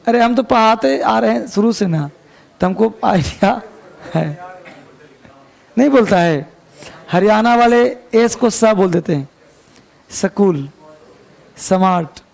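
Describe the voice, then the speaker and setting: A man's voice: high voice, a little slow, creaky, long pauses, a little mellow. A man teaching an English grammar class, chatty and joking, quizzing his students as he goes. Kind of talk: classroom lecture.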